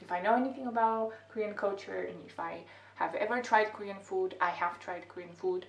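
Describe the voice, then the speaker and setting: A woman's voice: mid-range voice, a little fast. A young Bulgarian woman in her twenties with a Bulgarian accent, chatting and asking questions in a casual couple video, laughing often. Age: 20s. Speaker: vlogger host. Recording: roomy echo, mic at a distance, faint noise.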